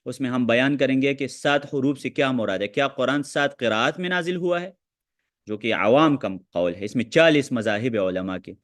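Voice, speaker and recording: A man teaching a hadith lesson who talks quickly and quotes Arabic texts while answering questions. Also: mid-range voice, a bit bright. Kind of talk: online lecture with questions.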